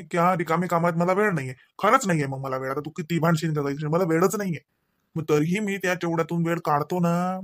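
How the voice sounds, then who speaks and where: Guy doing a cranky cartoon husband, rapid-fire lecturing, dry studio. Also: sits high, a bit bright, dry recording. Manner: nagging, lecturing, rapid scolding. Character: scolding husband Ravi, grown man, short-tempered. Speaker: voice actor. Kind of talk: cartoon voice acting.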